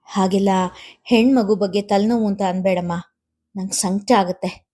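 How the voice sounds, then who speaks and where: A woman voicing a caring older man, an elder brother who talks in a calm, soothing, measured way. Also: medium pitch, lightly acted. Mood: gentle.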